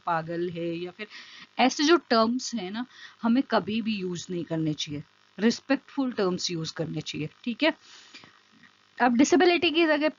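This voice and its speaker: A medium-pitched woman teaches special education in an online exam-prep session built around slides. Breaking things down step by step, she repeats important terms and keeps confirming the listener follows along. Sound quality is dull, dry and lo-fi.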